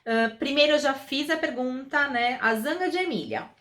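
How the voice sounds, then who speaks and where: A woman with a high voice gives a patient explanation to parents. She often poses a question and answers it herself, speaking as a teacher would. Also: moderate pace, a bit bright. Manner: patient, asks rhetorical questions. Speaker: reading educator.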